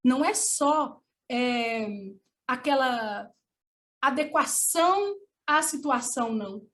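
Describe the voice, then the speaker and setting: Brazilian woman lecturing online, high voice, animated explaining. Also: slow. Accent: Brazilian Portuguese.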